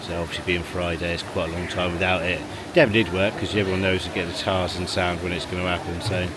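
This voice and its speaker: On a handheld family vlog thick with background noise, a man chats casually to camera at a quick pace. His low voice shows little pitch movement as he rambles and chuckles, first outdoors in a car park and then at a leisure pool.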